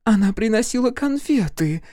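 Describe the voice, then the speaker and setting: A man's voice: high-pitched, expressive, moderate pace, mellow, dry recording, clean studio sound, voice pushed up. A man reading a story aloud, voicing a jealous young fiancée who squeals her accusations. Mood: spiteful.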